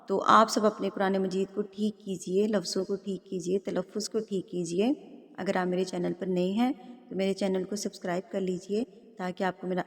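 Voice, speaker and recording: A woman teaching Quran recitation, who explains pronunciation rules patiently step by step and then recites the verses slowly, drawing out each word. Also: mid-range voice. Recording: long hall reverb.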